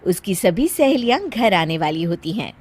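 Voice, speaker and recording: A woman narrating a cartoon story in a calm, even storytelling manner. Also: fairly low pitch, normal speed.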